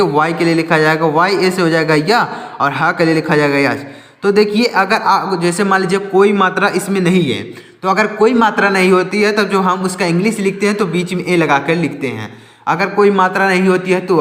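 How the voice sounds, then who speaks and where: Man, high voice, patient spelling lesson, self-correcting, roomy echo. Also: fairly bright tone. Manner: slow, repetitive, asks and answers his own questions; often corrects himself mid-sentence. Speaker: teacher. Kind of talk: step-by-step reading lesson.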